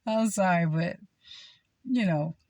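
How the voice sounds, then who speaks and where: A woman's voice: lowish voice, slow, a little mellow, dry recording. A woman delivering a rambling religious monologue, meandering with frequent fillers and repeated words. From United States. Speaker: self-styled preacher.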